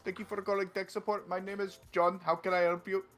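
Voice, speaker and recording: A man's voice: high voice, flat delivery, quick pace, a bit bright, soft background music, pitched above the performer's own voice. A man voicing a cheerful male tech support agent giving a scripted phone greeting. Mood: chirpy.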